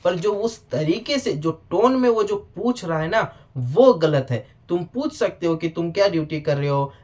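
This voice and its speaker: A man with a notably high-pitched voice talks through a casual video review. He is lively and direct, often speaking straight to the show's producers. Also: moderate pace. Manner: animated, addresses the show directly, frequent "bhai sahab". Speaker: reality show reviewer.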